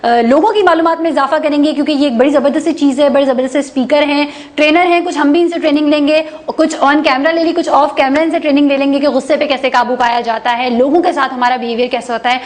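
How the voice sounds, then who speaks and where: A woman with a Pakistani Urdu accent hosting a morning talk show, chatting lively and murmuring agreement often. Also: high voice, fast talker, few pauses. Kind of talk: casual talk show chat.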